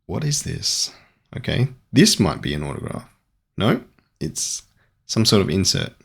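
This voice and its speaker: Slow, low-voiced Australian man. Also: vocal fry, husky. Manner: rambling, chatty, excited at pulls. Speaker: card collector opening packs. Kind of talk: casual unboxing commentary.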